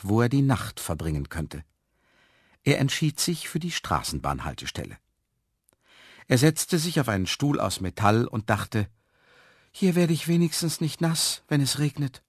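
A man reading a children's story aloud with expressive, lively storytelling. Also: lowish voice, no room sound, studio quality. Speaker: narrator.

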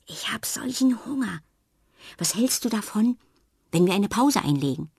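A woman's voice: mid-range voice, moderate pace, vocal fry, breathy edge, no echo, clean studio sound, voice pushed up. A woman voicing a curious cheerful young girl. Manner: bright and lively, sometimes whispering.

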